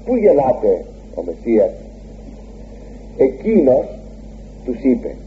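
Guy preaching a sermon, pitch jumps way up on the big words, tinny lo-fi recording w faint hum. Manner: animated, swooping pitch on emphasis.

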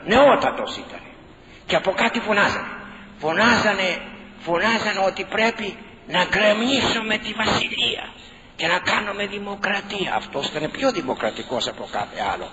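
A preacher giving a fervent sermon, acting out the voices he quotes and crying out sharply at times. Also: on the high side. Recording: muffled recording, long church reverb, loud hiss.

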